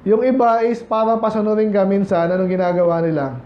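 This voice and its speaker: A man's voice: sits high, fairly even intonation, a little fast, a little hiss or hum. A Filipino man preaching a casual, conversational sermon to his congregation, often asking them rhetorical questions. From Philippines. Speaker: pastor. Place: church sanctuary. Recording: echoey church hall, slightly dull sound.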